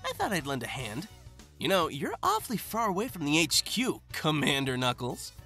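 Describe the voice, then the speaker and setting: A man's voice: on the high side, wildly swooping pitch, moderate pace, bright, forceful tone, exaggerated voice. A man voicing a cocky, easygoing young hedgehog hero with a breezy, teasing delivery in a comic dub. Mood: breezy, confident. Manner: breezy, teasing, self-assured. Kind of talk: amateur comic dub acting. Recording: music behind the voice.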